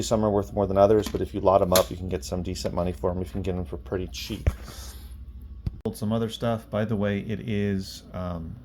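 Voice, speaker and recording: In a vlog, a man who runs an online resale business and a bookstore chats casually about his work, offhand and thinking aloud. His voice is lowish with a darkish tone, and the background noise comes through clearly.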